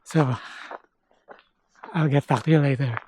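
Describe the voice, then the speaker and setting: A man from the Philippines vlogging a forest hike, explaining things slowly in short halting phrases, sometimes out of breath. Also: mid-range voice, steady tone, darkish tone, slight background noise. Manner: slow, halting, explains step by step. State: out of breath at times. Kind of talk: casual hiking vlog. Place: outdoors on a forest trail.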